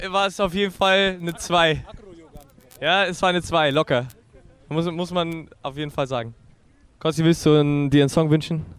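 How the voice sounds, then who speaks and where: A man's voice: high voice, a bit bright, clear, resonant tone. A man co-hosting with joking, dry commentary in casual chat. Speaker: co-host.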